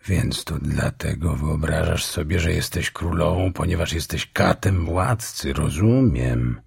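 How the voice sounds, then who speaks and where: A man's voice: very deep voice, unhurried, creaky, a little mellow, husky, exaggerated voice. A man doing a blunt sarcastic beaver.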